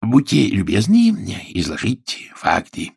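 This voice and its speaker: A man voicing a shy, earnest man who is proud of his gun, speaking slowly and deliberately. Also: lowish voice, wildly swooping pitch, a little mellow, no echo, clean studio sound, exaggerated voice. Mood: insistent. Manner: slow, deliberate, gravelly.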